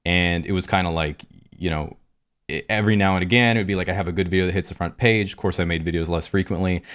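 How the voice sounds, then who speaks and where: A man's voice: deep voice, fairly even intonation, quick pace, a bit bright, clean tone. A man hosting a podcast, asking long, meandering and reflective questions in casual conversation. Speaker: podcast host.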